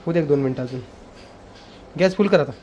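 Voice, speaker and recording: A man's voice: a little high, brisk, warm tone, a little hiss or hum. Playful father vlogging from home. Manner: playful, coaxing with a small child, chatty aside to viewers. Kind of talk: casual home vlog chat. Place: home kitchen, indoors.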